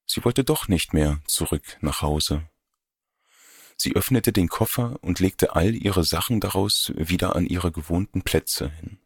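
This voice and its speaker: A young man with a very low, husky voice reads a first-person story. His narration is measured and wry, quietly introspective. The sound is close and completely dry. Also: no room sound. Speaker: audiobook narrator.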